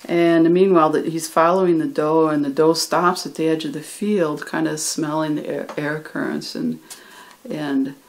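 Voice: mid-range voice, level tone, normal speed. An English-reading teacher casually retelling a book chapter in a loose, conversational way, often restarting phrases and acting out what the characters say. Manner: loose and conversational, with frequent restarts and acted quotes.

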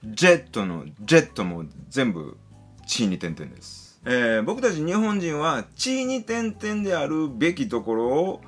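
A man giving a casual pronunciation lesson, patiently explaining and slowly sounding out example syllables and words. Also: a little high, huge pitch swings, faint music behind. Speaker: English pronunciation teacher.

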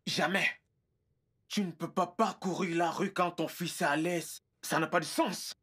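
A man's voice: a little high, steady tone, measured pace, a bit bright, slightly rough. An actor dubbing a well-off son who anxiously pleads with his mother in a film drama. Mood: pleading. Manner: pleading, persuasive.

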